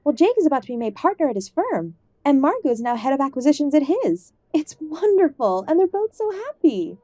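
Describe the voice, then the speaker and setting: Here the woman playing the audio drama's frail, affectionate older mother pitches her soft-edged, mellow voice high and speaks a little fast, very animated. The close, dry recording catches her gentle fussing and endearments. She is old-fashioned, stubbornly hopeful, and sounds fond and proud.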